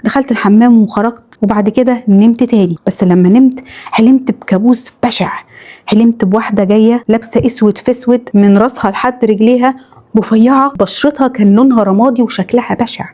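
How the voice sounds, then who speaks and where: A woman with an Egyptian accent narrating horror stories in a quick first-person retelling. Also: fairly high pitch, warm tone. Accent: Egyptian Arabic. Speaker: storyteller reading followers' horror stories.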